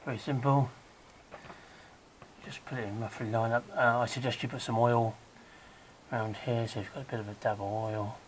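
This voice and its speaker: In a poor-quality recording with a faint background hum, a man recovering from illness walks viewers through a car repair in a laid-back, chatty tutorial. His croaky, hoarse voice sits in the middle of the male range and moves at normal speed. While his hands are occupied, he tends to drop into a low mutter.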